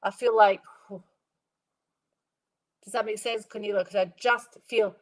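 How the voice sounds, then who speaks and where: During a live-stream spirit reading, this middle-aged medium sounds stuffed up, her medium-pitched voice steady and measured. She rambles gently, repeats phrases, and addresses viewers by their names.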